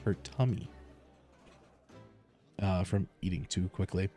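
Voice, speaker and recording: A man's voice: low voice, fairly even intonation, slow pace, mellow, soft background music. A man streaming from home through a headset mic, chatting casually as he plays, rambling with lots of fillers and restarts. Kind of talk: casual live gameplay commentary.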